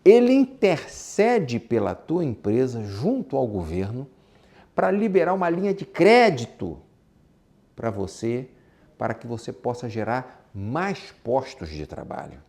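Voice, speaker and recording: This is a business instructor with a Brazilian accent, delivering an informal talk on exporting and business. His medium-pitched voice is creaky, a little mellow, and very animated, moving a little slowly. He drives points home emphatically, repeats them, and asks rhetorical questions.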